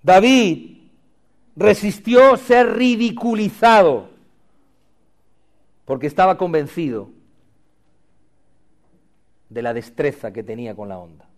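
A male pastor preaches with a high voice and lots of drama, calling the congregation to repeat his lines. He breaks up the message with humorous asides. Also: slow, pauses often. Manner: dramatic, calls for congregation responses. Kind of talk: sermon.

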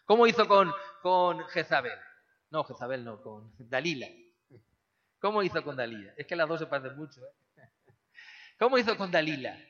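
A man preaching a sermon, firing rhetorical questions and swinging between hushed, low passages and loud, emphatic ones. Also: very animated, moderate pace, long pauses, muffled recording.

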